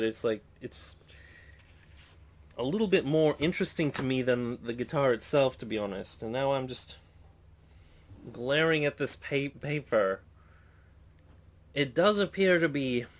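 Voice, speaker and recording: A man in casual unboxing chatter, rambling with lots of restarts and musing aloud, recorded indoors at home. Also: medium pitch. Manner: rambling and chatty, with frequent restarts and self-corrections. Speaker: vlogger unboxing a guitar.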